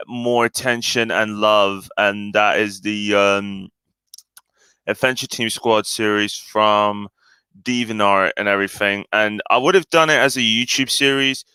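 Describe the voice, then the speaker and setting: A man hosting a relaxed solo live stream, his voice sitting a little low but sounding bright and tense. He speaks very cleanly, yet hesitates constantly, stumbling and restarting with lots of fillers. The sound is dry and close, with no room echo. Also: clear, resonant tone.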